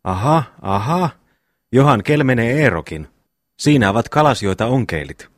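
A man's voice: mid-range voice, lively intonation, dry recording, studio quality, lightly acted. A man reading the part of a pious, fretful young brother in an audiobook, scolding.

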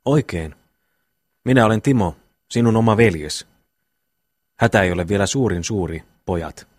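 Simple good-natured brother, read by a man, plain reassuring talk, fairly low voice. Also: no echo, studio quality, natural voice.

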